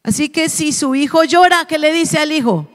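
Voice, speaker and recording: Woman preacher, high voice, lively, interactive sermon, asks the congregation questions, long church hall reverb. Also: normal speed. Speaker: preacher at a family service.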